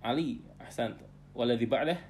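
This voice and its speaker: Patient male teacher leading an online lesson over a video call, middle-pitched voice. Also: normal speed, a little mellow, a little hiss or hum. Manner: patient, drills terms, ends phrases with "ya". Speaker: Arabic teacher.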